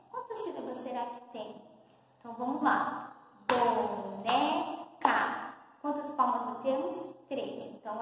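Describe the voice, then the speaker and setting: A young woman from São Paulo state teaching a first-grade class, explaining slowly and patiently with many questions to the pupils. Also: fairly high pitch. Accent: Brazilian Portuguese, São Paulo state. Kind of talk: recorded lesson for young pupils. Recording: very echoey room, long reverb, faint noise.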